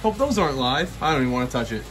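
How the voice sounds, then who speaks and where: Speaking very fast in a sing-song, mid-range voice, a thirties-aged HVAC tech records casual vlog talk on a handheld phone at arm's length. He mutters partly to himself as he works, frequently in cramped boiler basements, and the recording is very noisy.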